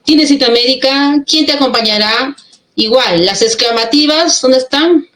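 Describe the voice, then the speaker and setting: A fairly high-voiced woman teaching a grammar class, walking through examples one by one. She keeps asking short checking questions as she goes. Her voice rings in an echoey room. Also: a little slow, fairly bright tone. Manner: explains step by step, asks checking questions.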